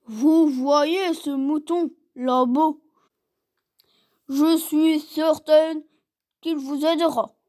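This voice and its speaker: A woman voicing a kind motherly cow who must stay with her calf, speaking gently. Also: sits high, fairly even intonation, extremely slow, pauses often, pitched above the performer's own voice. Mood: gentle.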